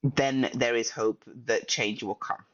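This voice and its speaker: A woman's voice: rumbling low, fairly even intonation, measured pace, no echo. A woman, a company founder and guest, talking earnestly and stressing points by repeating them. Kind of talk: casual interview chat. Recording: slightly dull lo-fi sound.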